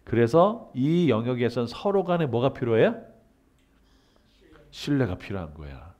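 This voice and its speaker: A man's voice: medium pitch, measured pace, highs cut off. A man giving a humanities lecture, asking questions and then answering them himself, and acting out everyday dialogues. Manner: acts out everyday dialogue in lively voices.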